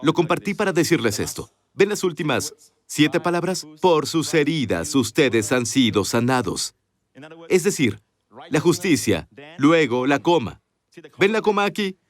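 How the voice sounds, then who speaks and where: Man, dubbed sermon, emphatic preaching, rhetorical questions, somewhat high pitch, studio voice-over. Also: animated, a little slow.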